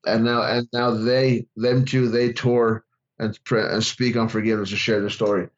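A man's voice: mid-range voice, flat delivery, moderate pace. A man co-hosting a faith podcast, telling a story to a friend in loose casual talk. He restarts often and calls his friend bro. His audio is a little dull and lo-fi. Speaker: podcast co-host.

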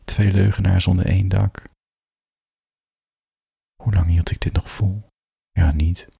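Young guy reading his own story out, deep and raspy, blunt and slow. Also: steady tone, warm tone, no room sound, clean studio sound. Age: young adult. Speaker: narrator. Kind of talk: first-person story reading.

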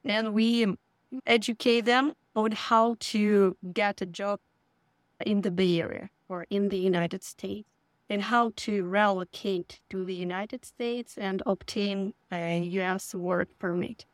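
A woman from Ukraine who learned the language later answers interview questions about her work. She speaks slowly and haltingly, with many fillers and restarts. Her voice is close and dry. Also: mid-range voice, fairly even intonation, no echo. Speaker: guest, company founder.

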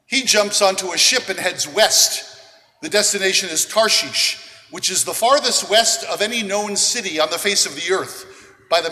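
Priest preaching in cathedral echo. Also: male voice, high voice, pushed and bright. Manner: measured, deliberate preaching with pauses. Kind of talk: gospel reading and homily. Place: large church. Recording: long reverb of a large church.

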